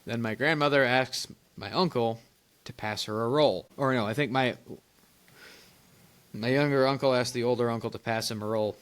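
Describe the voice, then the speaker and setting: Young male podcast co-host, mid-pitched, lively storyteller who laughs a lot. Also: moderate pace, clear, resonant tone. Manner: animated storyteller, laughs often, rambling restarts. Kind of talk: casual chat, storytelling.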